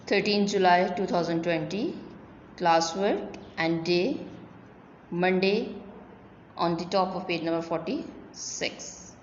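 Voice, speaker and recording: Slow, patient woman teacher, echoey room. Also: fairly low pitch. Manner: slow, spelling words letter by letter. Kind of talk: recorded online lesson for young children. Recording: dull, roomy recording with faint hum.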